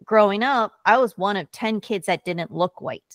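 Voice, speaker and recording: A woman's voice: mid-range voice, normal speed, no echo, clean studio sound. An American woman in her forties, a podcast guest, telling her story earnestly and often checking in with "right?". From United States. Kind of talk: casual interview talk.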